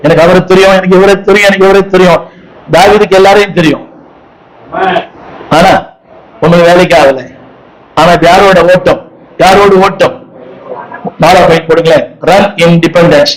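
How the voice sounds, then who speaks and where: Leading a call-and-response sermon, this high-voiced male preacher speaks with emphasis, reiterating lines and asking listeners to echo him. His pitch is fairly level, his pace ordinary, and he leaves long pauses.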